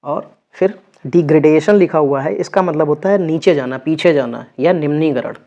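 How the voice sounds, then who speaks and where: Man teaching vocabulary, slightly high voice, repeats himself a lot, dull recording. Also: normal speed, darkish tone. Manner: repeats words with frequent check-ins. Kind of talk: exam vocabulary lesson.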